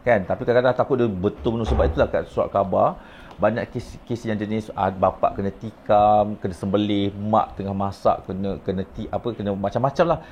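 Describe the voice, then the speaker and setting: A man's voice: fairly low pitch, fairly even intonation, a little fast, hardly any pauses, a little mellow, lo-fi sound, slight background noise. A man, a rehab counselor telling stories about his clients in a casual, rambling way, dropping in English words. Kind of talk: casual storytelling vlog.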